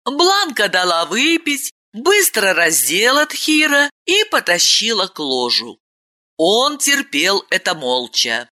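Woman narrator, expressive storytelling, very lively pitch, slow, bright. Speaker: audiobook narrator. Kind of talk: scripted narration.

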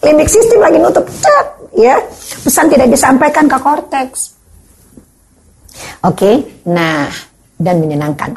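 A woman's voice: mid-range voice, darkish tone. An older woman giving a parenting seminar, questioning her audience and acting out scolding parents. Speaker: parenting speaker.

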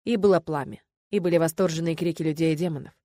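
A woman narrating a first-person fantasy audiobook in an expressive, lively way. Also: low voice, fast talker, dry recording, clean studio sound. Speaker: audiobook reader.

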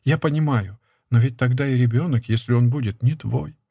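A man's voice: medium pitch, a little fast, creaky, dark tone, husky, dry recording, clean studio sound. A man reading a young village wife who pleads and frets in a raised, plaintive voice. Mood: pleading. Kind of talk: audiobook character reading.

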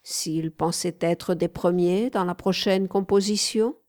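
A woman narrating an audiobook in a measured, clear reading voice. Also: fairly low pitch, fairly even intonation, a little mellow.

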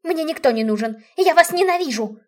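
A woman reading an audiobook, voicing a shrill, furious widowed aunt who yells accusations. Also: expressive, a little fast. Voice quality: shrill, shrieking. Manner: yelling accusations.

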